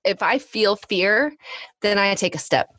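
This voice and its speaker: A woman's voice: medium pitch, expressive, unhurried, pushed and bright, dry recording. Woman guest, chatty, lots of likes and ums, dry close sound. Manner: chatty, many likes and ums, laughs often. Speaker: podcast guest. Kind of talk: casual conversational storytelling.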